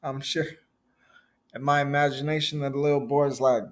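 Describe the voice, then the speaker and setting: A man's voice: medium pitch, flat delivery, normal speed. A man giving a casual sermon, talking in a conversational, playful way with frequent asides. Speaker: preacher.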